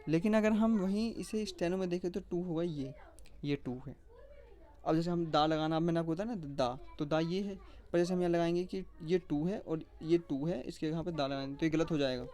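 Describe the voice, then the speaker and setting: A teacher explaining a lesson step by step, speaking directly to the viewer and slowly repeating letter sounds one at a time. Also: medium pitch, mellow. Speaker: shorthand teacher.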